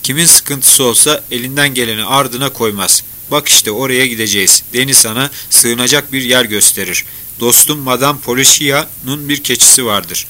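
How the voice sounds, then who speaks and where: A man voicing a kind-hearted grown man who speaks gently and reassuringly. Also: medium pitch, moderate pace. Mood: gentle.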